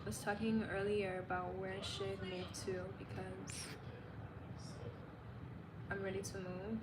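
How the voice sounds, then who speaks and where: Reading comments on her livestream, a young host from Illinois chats playfully, laughs a lot, and answers viewers' guesses by guessing out loud herself. Her mid-range voice has a flat delivery and measured pace, and the room echoes with noticeable background noise.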